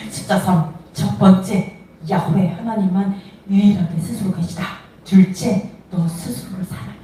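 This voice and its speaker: Woman preacher, mellow voice, heard from across a very echoey room, lively sermon with laughs. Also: medium pitch, a little slow. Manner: animated, laughing, acts out quoted dialogue. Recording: echoey room, voice from a distance, faint noise.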